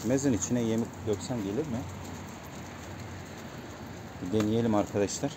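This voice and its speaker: A man's voice: lowish voice, normal speed, noisy background. A man at his pigeon coop, talking casually to his viewers and calling to his birds over and over. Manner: coaxing birds with repeated calls. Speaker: pigeon keeper vlogger. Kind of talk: casual vlog talk to viewers. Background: cooing pigeons.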